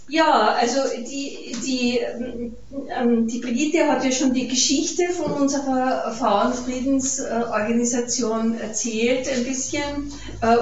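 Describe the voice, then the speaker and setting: A woman's voice: a little high, a little hiss or hum. A woman with an Austrian accent gives a hesitant public talk, stopping often on fillers. She is recorded from a distance in a very echoey hall. The sound is muffled. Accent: Austrian German. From Carinthia, Austria. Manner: hesitant, many fillers and restarts. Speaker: speaker at a peace event. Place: event hall.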